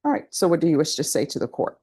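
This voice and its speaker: Woman, American accent, judge, lower-pitched, formal procedure, in a courtroom. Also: very animated, very fast, mellow, husky.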